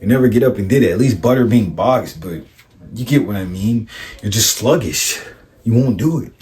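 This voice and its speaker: A man's voice: lowish voice, lively intonation, moderate pace, a little mellow. A man, a life coach, telling a personal story in casual, blunt, profane talk, often checking in with "right?" and acting out the other people's lines. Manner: acts out other people's voices in his stories.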